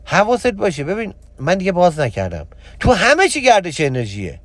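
A man giving a religious motivational talk as a spiritual teacher, hammering points with repetition and swinging between loud exhortation and a low, confiding tone. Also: wildly swooping pitch, no room sound.

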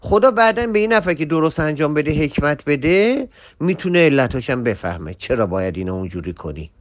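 Lively man giving a preachy talk. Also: a little high, no echo. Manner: lively, admonishing, addresses listener directly. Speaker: religious speaker. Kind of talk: informal religious talk.

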